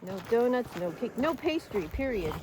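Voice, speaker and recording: A woman's voice: fairly high pitch, big pitch swings, moderate pace. A woman chatting casually on a hike, earnest and encouraging like a coach to her companion. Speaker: hiking companion giving encouragement. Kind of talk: casual chat. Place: outdoors on a hiking trail. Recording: clear outdoor background noise.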